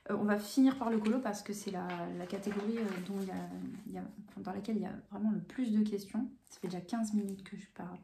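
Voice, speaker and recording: A woman hosting her coloring channel, chatting casually in answer to viewer questions at home, calm and hesitant with many fillers and restarts. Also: medium pitch, quick pace, gravelly, few pauses, a little hiss or hum. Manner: calm, even delivery. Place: home room with bookshelves. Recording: roomy echo.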